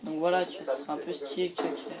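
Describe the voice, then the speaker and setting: A man's voice: on the high side, very fast. A teenage boy chatting in slang while he plays a shooter and comments on it. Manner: slangy, rambling, excitable. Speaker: gaming YouTuber. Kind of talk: casual gameplay commentary. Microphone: phone filming the screen. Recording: faint room noise, phone recording.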